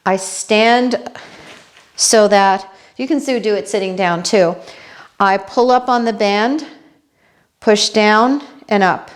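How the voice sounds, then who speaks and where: A woman with a New York accent demonstrating balance exercises, chatty and unhurried, checking in with viewers as she goes. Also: mid-range voice. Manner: unhurried, talks while demonstrating moves. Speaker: fitness instructor.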